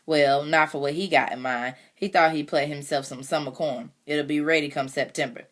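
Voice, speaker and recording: A woman reading aloud voices a kindly older farmhand who talks gently and plainly. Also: deep voice, steady tone, moderate pace, close to an everyday voice.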